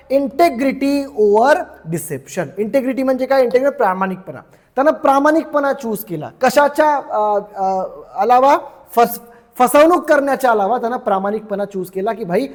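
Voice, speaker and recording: A man teaching English through a story, explaining each word slowly and repeating its meaning, chatty and checking in with his listeners. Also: very high voice, a little mellow, big-room sound. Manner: chatty, checks in with "ठीक आहे".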